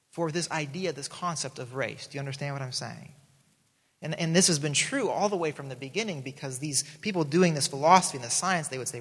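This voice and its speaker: In a big-sounding room, a man in his thirties raised in South America delivers an earnest sermon as a pastor. His voice is on the high side, fairly bright and slightly rough. He frequently restarts sentences and repeats words when starting a thought.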